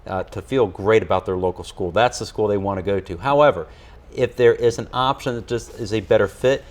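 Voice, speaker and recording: Fast-talking earnest school leader, man. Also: lowish voice, darkish tone. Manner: fast, earnest talk with many fillers and restarts. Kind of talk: studio interview.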